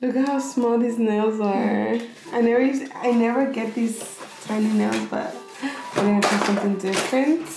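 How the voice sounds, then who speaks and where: A young woman vlogging casually, chatty and excitable, switching between Spanish and English. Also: on the high side, moderate pace, creaky, over music. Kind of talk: casual vlog chat.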